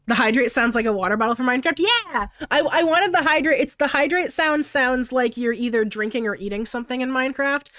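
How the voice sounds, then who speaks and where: Fairly high-pitched and a bit bright, this young woman sounds stuffed up from the flu. She casually shares her digital art process on stream in a chatty, giggly way, often reading the chat aloud.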